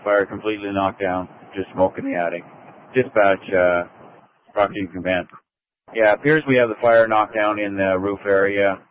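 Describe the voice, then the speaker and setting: A man's voice: on the low side, fairly even intonation, moderate pace. A man working as a fire incident commander on a two-way radio, giving procedural dispatch traffic and repeating reports back. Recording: muffled lo-fi fire radio transmission.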